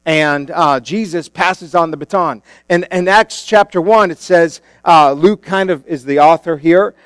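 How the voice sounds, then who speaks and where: A man's voice: fairly high pitch, a little slow, smooth, dry recording. A male pastor preaching a sermon into a pulpit microphone in a church, in a casual, conversational way with many fillers and restarts. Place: church sanctuary.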